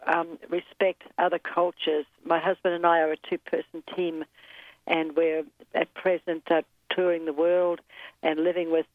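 A woman's voice: fairly low pitch, dry recording. New woman on a tinny phone line. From New Zealand. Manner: measured, with frequent ums and uhs. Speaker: guest. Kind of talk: interview storytelling.

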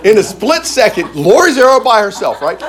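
Male preacher, lively storyteller, higher voice, repeats lines, stammers into restarts. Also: fairly quick. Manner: animated, repeats phrases for emphasis. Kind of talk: storytelling sermon.

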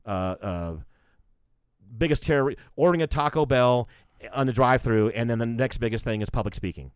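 A man's voice: mid-range voice, normal speed, clear, resonant tone, no room sound, clean studio sound. A man in casual conversation who rambles and swears freely. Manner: rambling, profane, animated. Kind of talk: casual chat.

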